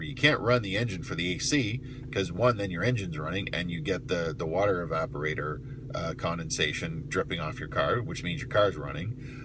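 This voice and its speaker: A middle-aged man telling a story in a casual vlog monologue, matter-of-fact and emphatic, with halting pauses. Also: deep voice. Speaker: private investigator telling of the job. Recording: clear steady car noise.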